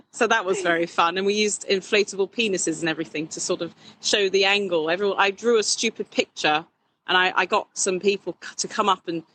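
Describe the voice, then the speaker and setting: A woman drag king performer chatting casually in an interview, animated and quick to laugh, often restarting her sentences. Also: medium pitch, a little hiss or hum, low-quality recording.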